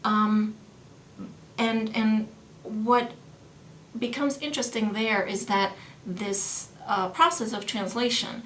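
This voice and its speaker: Speaking slowly in a steady, mid-range, fairly bright voice, a middle-aged German studies professor discusses her research thoughtfully during an interview. Born in New York and raised in Vienna, she uses many fillers and restarts; the audio is roomy with faint background noise.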